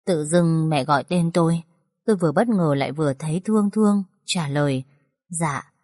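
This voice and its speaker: Brief: female story narrator, low and warm, somber emotional reading. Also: fairly quick, dry recording, studio quality. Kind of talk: scripted first-person audio story narration.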